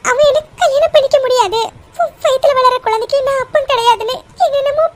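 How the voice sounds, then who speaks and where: A very high, tearful young cartoon girl. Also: fast, a little hiss or hum. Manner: sobbing, breaking voice. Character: young woman, betrayed and tearful. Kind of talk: cartoon voice acting.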